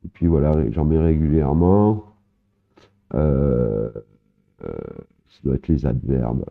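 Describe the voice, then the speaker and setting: A man teaching a language lesson in a casual, hesitant way, repeating words slowly and often adding "hein". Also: rumbling low, gravelly. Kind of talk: casual online lesson explaining vocabulary. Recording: narrow phone-like sound.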